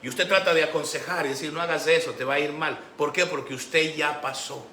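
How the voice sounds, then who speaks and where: A pastor preaches with a somewhat high, bright, forceful voice, slipping into the voices of the people he quotes. The sound is roomy and echoey, with a faint hiss of background noise. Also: fairly even intonation, brisk. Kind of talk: sermon. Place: church sanctuary.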